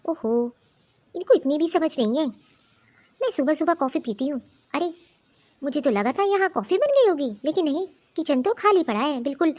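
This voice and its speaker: A spoiled young daughter-in-law, voiced by a woman, orders her mother-in-law about in a cartoon. Her voice sits high and sounds haughty and demanding. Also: lively intonation, moderate pace, darkish tone. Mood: bossy. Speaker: voice actor. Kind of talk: cartoon voice acting.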